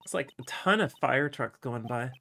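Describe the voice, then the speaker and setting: A man's voice: medium pitch, lively intonation, moderate pace, vocal fry, bright, forceful tone. A man giving casual let's-play commentary as he streams a video game, venting his frustration and swearing constantly.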